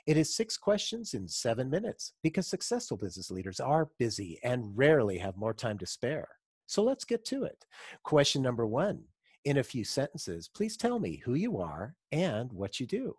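Lively-voiced man hosting a podcast. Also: medium pitch, moderate pace, slightly rough, dry recording, clean studio sound. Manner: upbeat, encouraging host. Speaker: podcast host. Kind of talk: scripted podcast intro and interview questions.

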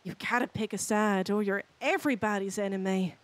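A woman's voice: medium pitch, a little fast, dry recording. A young woman giving a theatrical, mock-passionate dramatic read of lyrics in a roleplay game, close on the mic. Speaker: GTA roleplay streamer in character.

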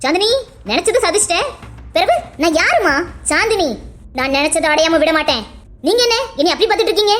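Spiteful young woman for a cartoon, a woman voicing her, defiant and rapid. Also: very high-pitched, animated, a bit bright, soft background music. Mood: sneering. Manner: cold, defiant, sneering. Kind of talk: Tamil cartoon voice acting.

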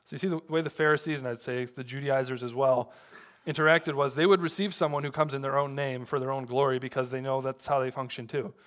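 A man's voice: mid-range voice, fairly even intonation, quick pace, fairly bright tone. A man preaching a sermon in a loose, conversational way, with many fillers and restarts as he tells a personal story. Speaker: pastor.

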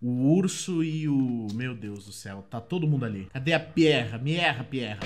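A man with a Brazilian Portuguese accent doing let's play commentary, chatty and excitable, often breaking into shrieks of surprise. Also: medium pitch, normal speed, a little hiss or hum. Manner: chatty, addresses viewers often. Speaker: gameplay commentator.

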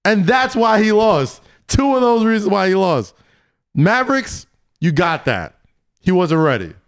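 A man's voice: high voice, very animated, measured pace, clean tone, no echo. A young man with a New York accent, co-hosting a podcast and arguing his point in casual debate, teasing and talking over his co-host.

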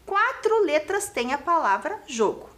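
A woman's voice: high voice, very animated, a bit bright. A woman teaching young children on an educational TV lesson, asking questions and guiding them step by step. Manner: slow, sing-song, questioning children at home. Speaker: primary school teacher. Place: TV studio classroom.

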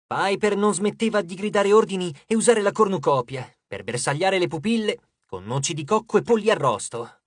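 Lively, dramatic audiobook narrator. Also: mid-range voice, normal speed, dry recording, clean studio sound. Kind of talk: scripted narration.

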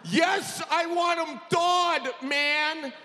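A male comedian playing a hungry, exasperated guy in an Upper Midwestern accent, loud and pleading, in a stand-up bit. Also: very high-pitched, extremely slow, voice pushed up, full character voice. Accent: Upper Midwestern American. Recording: echoey theater, faint crowd noise.

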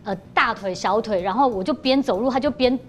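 A woman, a mother on a TV talk show, telling an anecdote in a lively way and acting out what was said. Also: on the high side, a little fast. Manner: lively, acts out quotes. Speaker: guest, mother. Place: TV studio.

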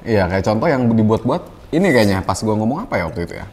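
Laid-back low-voiced young man. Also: sing-song, fast, darkish tone. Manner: laid-back, hesitant, many fillers. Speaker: streamer guest. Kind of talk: casual chat.

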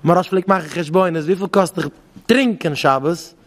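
A rabbi giving an informal lecture to young married men, firing repeated rhetorical questions and repeating phrases for emphasis. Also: male voice, sits high, moderate pace.

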